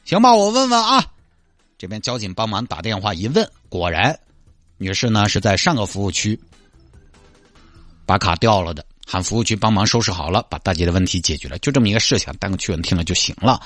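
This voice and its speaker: A man explaining in a relaxed, reflective way that the skit was exaggerated, and mildly apologizing for it. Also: deep voice, fast, no echo, soft background music. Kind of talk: casual explanatory wrap-up.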